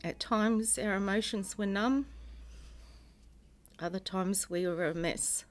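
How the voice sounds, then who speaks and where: A middle-aged woman, a bereaved mother reading a prepared personal statement in a solemn, measured way, in grief. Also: mid-range voice. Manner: solemn, measured delivery in short phrases. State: grieving.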